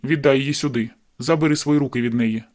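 A woman voicing an angry middle-aged father who shouts gruffly in an audiobook. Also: extremely low pitch, fast, pitched below the performer's own voice.

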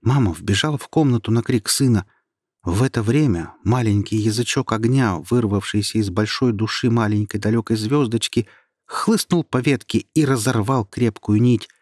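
A man reads a storybook aloud at a slow, measured pace. His low voice is husky and close, recorded dry with no room sound. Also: a little mellow, dry recording. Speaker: narrator. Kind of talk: storybook narration.

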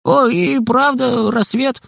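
A man's voice: very high-pitched, steady tone, takes it slowly, creaky, a bit bright, no room sound, studio quality, pitched above the performer's own voice, heavily acted. A man voicing a cheerful, careless young boy in a storybook reading. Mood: carefree.

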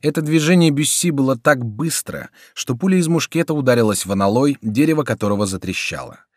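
A man narrating a historical adventure audiobook in a dramatic, measured reading. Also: mid-range voice, expressive, no echo, studio quality. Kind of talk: scripted narration.

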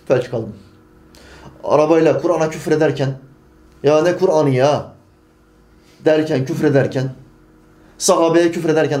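Man preaching an emphatic sermon, warm voice. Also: medium pitch. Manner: emphatic, rhetorical questions to the congregation.

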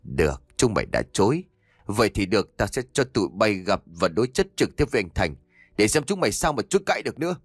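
A man voicing a cruel, vengeful young man in a ghost story, snarling insults in fast, harsh bursts. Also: fairly low pitch, sing-song, slightly rough, no echo, clean studio sound. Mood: furious.

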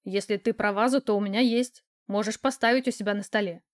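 A woman's voice: medium pitch, fairly even intonation, quick pace, lightly acted. A woman reading the lines of a confident, teasing male office boss in an audiobook. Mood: easygoing.

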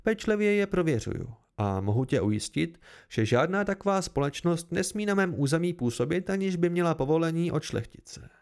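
A man voicing a stern, deliberate noble ruler in an amateur audiobook reading. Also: on the high side, expressive, clean tone. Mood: measured.

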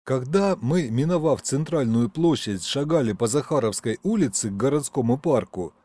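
A man narrating a first-person story as an audiobook reader, in an expressive, lively way. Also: mid-range voice, normal speed, breathy edge, dry recording.

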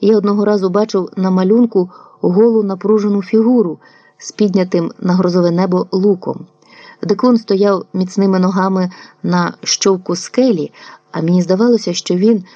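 A woman narrating a literary audiobook in a calm, measured way. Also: mid-range voice, no echo. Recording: dull lo-fi dry recording.

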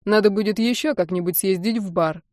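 Woman doing a smug lazy young man, sarcastic, slow, mellow voice, dry recording. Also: medium pitch, no room sound, lightly acted. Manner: languid, sarcastic.

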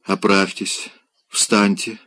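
A man voicing a stern, flustered young gentleman in an audiobook, admonishing and firm. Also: fairly low pitch, flat delivery, slow, slightly rough, no room sound, clean studio sound, exaggerated voice.

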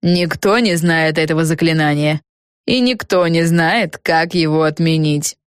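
A woman's voice: lowish voice, moderate pace, dry recording, studio quality, natural voice. Woman doing a sneering, nasty girl witch. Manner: sneering, barking.

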